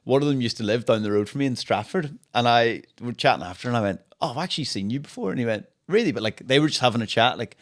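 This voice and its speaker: A man's voice: mid-range voice, lively intonation, fast talker, hardly any pauses. A young man, a podcast co-host, telling a funny story in casual chat with lots of laughing and swearing.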